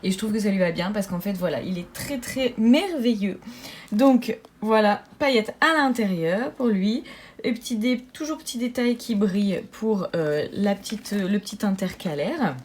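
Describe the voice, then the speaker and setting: A woman budgeting vlogger chatting casually to her viewers, bubbly and talkative, often laughing and filling pauses. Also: medium pitch, animated, a little mellow.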